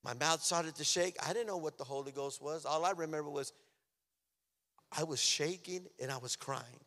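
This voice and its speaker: A man's voice: on the high side, normal speed. Emotional man giving testimony in reverberant hall. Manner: emotional, swings from loud outbursts to near-whispers. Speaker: testimony speaker. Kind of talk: personal testimony.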